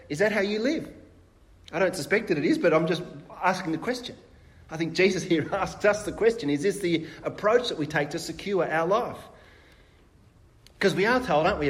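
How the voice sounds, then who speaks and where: A man preaching a sermon in a conversational way, asking rhetorical questions and pausing with fillers and restarts. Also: fairly high pitch.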